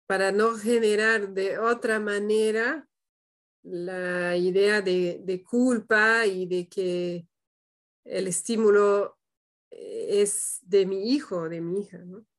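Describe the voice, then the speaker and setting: Slow, calm woman facilitator. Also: medium pitch. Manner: calm, thoughtful, many "¿no?" tags. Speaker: group facilitator. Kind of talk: reflective group discussion.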